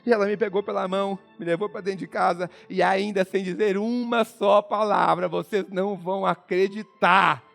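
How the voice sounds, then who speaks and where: A young Brazilian man with a Brazilian Portuguese accent, giving a motivational speech and acting out his own story, swinging from hushed to shouting. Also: high-pitched, steady tone, moderate pace, creaky, few pauses, faint music behind. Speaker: motivational speaker.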